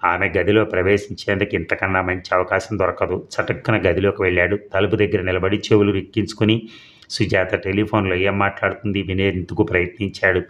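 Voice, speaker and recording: Deep-voiced man narrating a suspense story. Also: fairly quick, muffled recording. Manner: steady storytelling, briefly voicing characters' lines.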